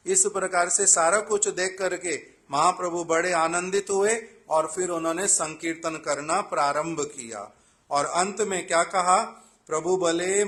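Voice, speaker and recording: A man giving a devotional sermon at a temple festival, with a high voice and an unhurried pace. He recites a verse, then patiently explains it line by line. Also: fairly bright tone. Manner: measured, storytelling delivery.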